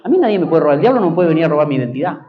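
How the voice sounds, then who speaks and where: High-voiced Argentine preacher. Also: male voice, sing-song, rapid-fire, narrow, tinny audio, faint music behind. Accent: Argentine Spanish. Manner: emphatic, repeats key phrases, calls out for amens. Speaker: pastor. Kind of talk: preaching a sermon.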